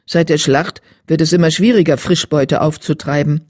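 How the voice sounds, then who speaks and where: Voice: medium pitch, steady tone, moderate pace, a little mellow, close to an everyday voice. A narrator voicing an impatient, grumpy male cat warrior who scolds others, in a German audiobook. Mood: grumbling. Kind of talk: audiobook character voice.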